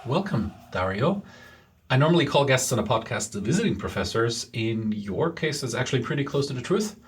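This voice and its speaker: A man's voice: medium pitch, animated, fairly quick, slight background noise. A man hosting a podcast who earnestly asks for listener support and introduces his guest, repeating words for emphasis. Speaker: podcast host. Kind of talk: podcast host appeal and introduction.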